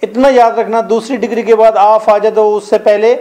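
A man's voice: high-pitched, level tone, moderate pace, warm tone. A middle-aged man with a Pakistani accent teaching a classroom English grammar lesson, drilling rules and quizzing his students.

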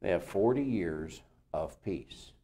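Animated, laughing male Bible teacher. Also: low voice, slow pace, husky. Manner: lively, laughs often, jokes with the room.

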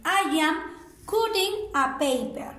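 Slow, high-voiced teacher in echoey room. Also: female voice, expressive, fairly bright tone, a little hiss or hum. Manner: drills word pairs, checks in with frequent "ok?". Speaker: primary school English teacher. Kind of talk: slow bilingual grammar lesson, spelling words aloud.

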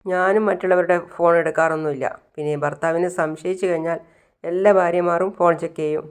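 A woman voicing a suspicious, sharp-tongued young wife. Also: fairly low pitch, steady tone, fairly quick, smooth, natural voice.

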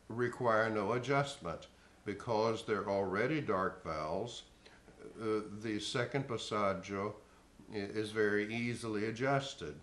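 A man giving a spoken vocal lesson in a slow, measured, instructive way. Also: lowish voice, a bit bright. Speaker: voice teacher. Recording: echoey room.

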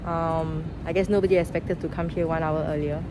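A woman's voice: deep voice, steady tone, fairly quick. A young woman from Singapore chatting cheerfully to camera through a face mask as she walks and queues for a travel vlog. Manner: chatty and upbeat, talking to camera while walking and queuing. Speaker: travel vlogger. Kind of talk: casual travel vlog chat. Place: outdoors on city streets. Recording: noisy outdoor street recording. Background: street ambience and passing vehicles.

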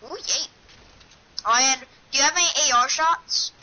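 A woman streaming a shooter game, calling out loot in an excitable, whiny way. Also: sits high, normal speed. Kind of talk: casual gaming stream chat. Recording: lo-fi with faint noise.

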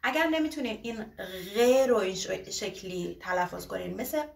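A woman teaching a beginner alphabet lesson, stretching out each example word slowly between quicker asides. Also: medium pitch, creaky. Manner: slow, drawn-out example words, quick asides. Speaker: German teacher. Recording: roomy echo, distant from mic.

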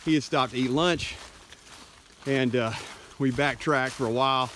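Out on a leafy forest trail, a middle-aged man keeps a handheld camera near his face, filming a casual vlog of his hike. Speaking a little slowly in a medium-pitched, slightly bright voice, he explains plainly and matter-of-factly as he walks, with slight background noise around him.

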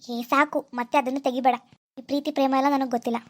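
A woman's voice: high-pitched, fairly even intonation, quick pace. A woman voicing a vain, carefree young wife who talks in a boastful, defiant way. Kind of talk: cartoon voice acting.

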